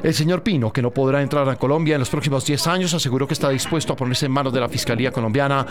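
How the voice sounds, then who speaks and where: A man reading a scripted news report in a brisk, even delivery. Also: medium pitch. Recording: crowd noise behind.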